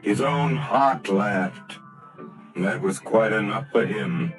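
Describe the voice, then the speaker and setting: Man narrating a classic tale slowly. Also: lowish voice, over music. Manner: measured storybook reading. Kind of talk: scripted narration.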